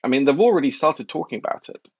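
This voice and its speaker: A man from Norway talks markets in an articulate, wry, measured way. His voice sits in the middle range and sounds dry, with a slightly dull, muffled quality to the recording. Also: mid-range voice, animated, darkish tone, slightly rough, no echo. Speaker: markets journalist guest. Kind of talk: conversational interview.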